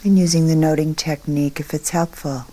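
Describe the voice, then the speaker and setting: A woman teacher guides a meditation in a low-pitched voice, speaking calmly in short, measured phrases separated by long pauses.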